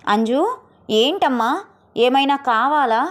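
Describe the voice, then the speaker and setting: A woman voicing a remarried father who coaxes his daughter, gentle but hurried and awkward. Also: high voice. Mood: coaxing.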